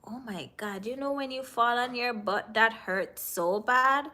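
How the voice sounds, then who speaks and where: A woman's voice: on the high side, a little slow, bright, forceful tone. A woman from Jamaica with a Jamaican accent, chatting casually with viewers on a livestream, teasing them and answering their comments. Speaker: livestream host.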